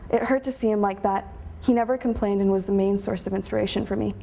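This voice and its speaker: A young woman reading a personal story aloud to a live audience at a conference, measured and reflective. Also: mid-range voice, mellow. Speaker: student storyteller. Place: conference room before an audience.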